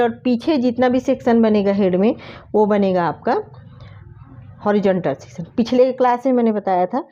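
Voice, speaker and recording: A woman's voice: a little high, mellow, muffled recording. A woman giving a casual hands-on hairdressing lesson, chatty and repeating key terms to drive them home. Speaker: hairdressing teacher.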